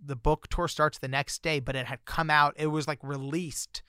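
Talking at a normal speed in a smooth, fairly high-pitched voice, a male guest author casually shares a personal story. He's chatty, uses many fillers, and gets excited recounting surprises, in a dry studio-quality recording.

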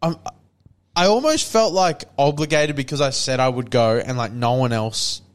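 A young man with a clean, smooth voice. He tells stories casually, in a laddish way full of slang and swearing. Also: medium pitch, a little slow. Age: young adult. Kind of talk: casual chat, storytelling.

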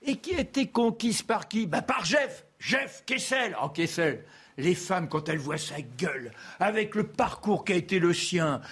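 A man telling a history story as a columnist on a TV debate show, lively and anecdotal, acting out the quotes. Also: high voice, unhurried, slightly rough.

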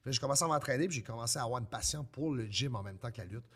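A man's voice: medium pitch, rapid-fire, slightly rough. A man with an Acadian French accent, a pro wrestler telling stories in casual chat and acting out what people said to him. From New Brunswick, Canada. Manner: animated storyteller, acts out quotes.

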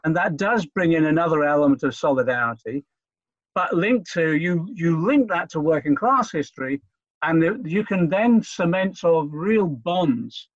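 A man from Liverpool, talking in a halting, earnest way as an interview guest, often repeating himself. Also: a little high, expressive, no room sound, lo-fi sound. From Liverpool, England. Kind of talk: conversational interview.

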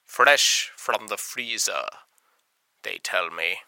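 Man playing a pompous gravelly professor. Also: fairly low pitch, slow pace, bright, forceful tone, no room sound, heavily acted. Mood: grandiose. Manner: pompous, theatrical, archaic words. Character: pompous male professor character, fussy and insulting. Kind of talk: comedic podcast intro in character.

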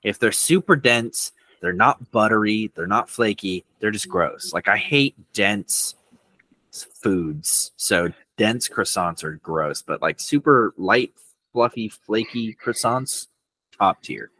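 A man co-hosting a casual podcast with a bright, sharp-edged voice. He talks in an animated, playful way and jokes around. The recording is dry and close. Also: on the low side, takes it slowly, no room sound. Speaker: podcast co-host. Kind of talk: casual chat.

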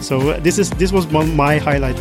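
A man's voice: a little high, a little fast, music in the background. A man hosting a casual podcast interview, speaking in hesitant, stop-start phrases with repeated words. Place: conference hall, close dry pickup.

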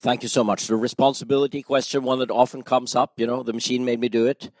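Brief: male panel moderator, polite and brisk, mid pitch, dry close sound. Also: level tone, no echo. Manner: brisk, polite, calls on audience questions. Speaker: seminar moderator.

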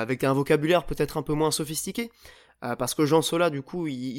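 Podcast host, male, mid-pitched, halting delivery full of fillers; casual chat. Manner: hesitant, many filler sounds and restarts.

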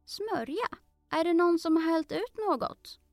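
A woman's voice: sits high, expressive, a little mellow, dry recording, soft background music, pitched above the performer's own voice. A woman voicing Alice, a curious, polite young girl who talks earnestly and eagerly in a storybook. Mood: apologetic.

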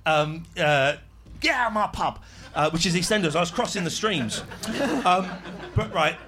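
A man hosting a comedy chat show on the radio, with a high voice that swings widely in pitch. He jokes and swears freely and keeps the chat lively. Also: normal speed, crowd noise. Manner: animated, joking, swears freely.

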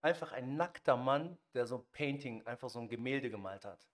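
A man's voice: mid-range voice, expressive, brisk. A young man hosting a podcast, telling a story in casual slangy chat and acting out the quotes. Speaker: podcast host.

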